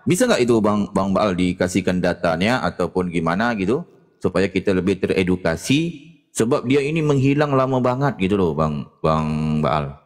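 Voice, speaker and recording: A man on a discussion panel, talking in a mocking, animated way and laughing at his own jokes. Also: sits low, moderate pace. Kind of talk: mocking live religious debate talk. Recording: hall reverb.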